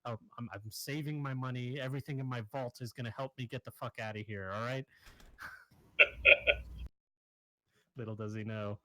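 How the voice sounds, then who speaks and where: A man's voice: medium pitch, fairly even intonation, moderate pace, pauses often, bright, forceful tone, no echo, poor audio. Man voicing a jittery shady arms dealer. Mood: nervous. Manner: defensive, pleading, evasive.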